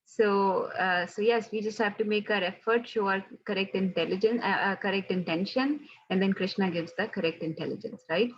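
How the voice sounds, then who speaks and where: Husky-voiced woman teaching a scripture class. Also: medium pitch, brisk, few pauses, muffled recording. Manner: conversational, frequent "right?" check-ins. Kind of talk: casual devotional class.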